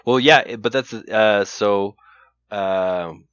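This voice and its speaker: A man co-hosting a podcast and running a trivia game, talking in a relaxed, rambling way with lots of fillers. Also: lowish voice, slow pace, smooth, dry recording. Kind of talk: casual chat. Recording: slightly dull lo-fi, dry sound.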